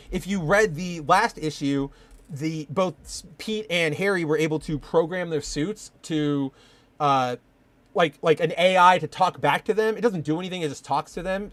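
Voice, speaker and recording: A man's voice: fairly high pitch, no room sound. A young man hosting a casual live-streamed podcast, rambling and enthusiastic, full of fillers. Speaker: podcast host.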